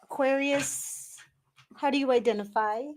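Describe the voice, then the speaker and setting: A woman's voice: high voice, measured pace, slight background noise. A woman co-hosting a live-stream tarot reading, giggly and eager, with supportive interjections. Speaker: tarot reader, stream co-host.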